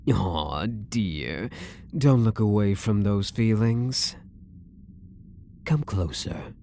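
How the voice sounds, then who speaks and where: Playing a coy elf prisoner in an ASMR roleplay, a man sounds possessive, adoring and obsessive as he teases. His exaggerated voice runs on the low side, creaky and mellow, with a faint hiss or hum. The lilting, slow delivery dips into whispers now and then.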